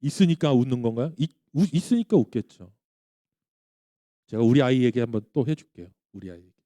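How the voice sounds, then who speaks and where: Lively, mellow-voiced pastor preaching. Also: male voice, medium pitch, a little fast, no room sound. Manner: animated storytelling, asking the audience questions; acts out quoted dialogue in his stories. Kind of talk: sermon to a youth congregation. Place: church.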